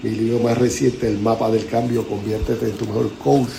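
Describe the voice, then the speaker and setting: Telling the story of his life as an interview guest, this motivational speaker from Puerto Rico, now in his seventies, has a Puerto Rican Spanish accent. He speaks at a normal pace in a lowish, gravelly voice with flat delivery, against background noise.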